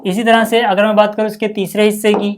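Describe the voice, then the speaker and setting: A man's voice: high voice, little pitch movement, quick pace, slight background noise. A man teaching a school maths lesson, patient and step by step, checking in often with the class.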